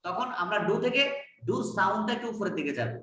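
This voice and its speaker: A man's voice: high voice, expressive, a little fast, pushed and bright. A man with a Bengali accent teaching a spoken English class over a video call, patiently repeating and modeling sentences. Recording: echoey, distant, lightly noisy call audio.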